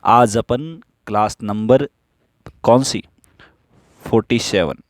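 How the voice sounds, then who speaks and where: A man teaching stenography in a slow classroom style, who asks questions and answers them himself while repeating the rules. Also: on the low side, no echo, studio quality.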